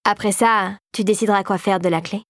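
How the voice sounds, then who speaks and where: A scheming old regent in a storybook, a bitter woman who speaks slowly and insinuatingly, dropping her voice low, voiced by a woman reader. The recording is dry and close. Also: steady tone, no room sound, lightly acted. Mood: coaxing.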